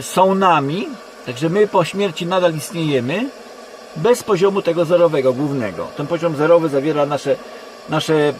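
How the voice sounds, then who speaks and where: A Polish man giving a rambling monologue to camera from inside a car, speaking haltingly and often correcting himself. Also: fairly high pitch, rough recording. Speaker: online video creator. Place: inside a parked car in a forest. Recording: constant background noise in a car. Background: steady background hum.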